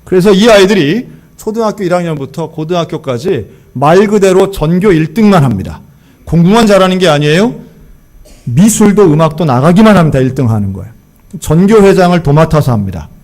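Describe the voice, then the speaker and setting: A man preaching a sermon, telling a story and acting out the quoted lines in lively voices. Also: fairly high pitch, brisk. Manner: animated, acts out quoted dialogue. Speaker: pastor.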